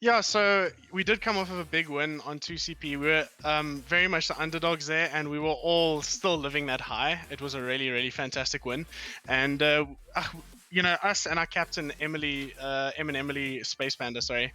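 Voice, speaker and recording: A man answering as a player in a post-match interview over voice chat, relaxed and casual. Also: fairly high pitch, fairly quick, clear, resonant tone. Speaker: esports player guest. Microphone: remote voice chat.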